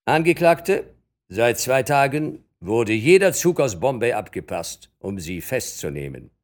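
A man voicing a large, pompous, blustering male judge in a storybook reading, talking loudly with indignant outbursts. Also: medium pitch, big pitch swings, a little slow, pitched above the performer's own voice.

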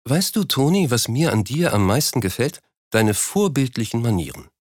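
A man reading an audiobook, voicing a cool, sharp-tongued young woman with a detached, sarcastic manner. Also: extremely low pitch, very animated, moderate pace, no room sound, clean studio sound, heavily acted.

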